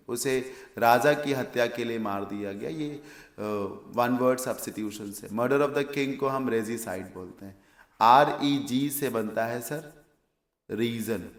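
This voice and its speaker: Gravelly Indian male English teacher. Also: medium pitch, reverberant. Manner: explains word meanings step by step, asks and answers his own questions. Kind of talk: exam vocabulary lesson.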